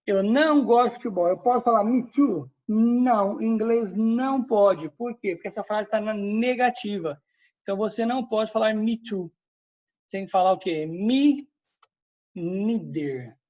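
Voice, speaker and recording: Male teacher, unhurried, explains step by step, dull lo-fi class recording. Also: sits high, a little mellow. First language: Portuguese. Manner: explains step by step, checks in with students. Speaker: English teacher. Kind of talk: recorded class review lesson.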